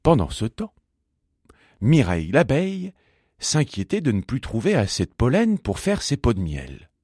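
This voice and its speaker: A man narrating a children's storybook in an expressive, singsong manner. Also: mid-range voice, normal speed, slightly rough, dry recording, studio quality.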